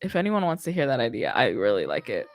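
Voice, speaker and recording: This young adult woman has a bass voice, talks fast, and swings widely in pitch. She's hosting a radio show as a casual podcast chat, rambling and informal with plenty of slang. She records in an indoor studio with curtains, headset on, close to a studio mic on a boom arm.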